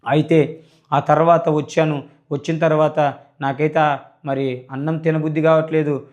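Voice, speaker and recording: A middle-aged man giving an emotional religious testimony, fervent and repetitive, rising at times to loud cries. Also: on the high side, level tone, normal speed, highs cut off.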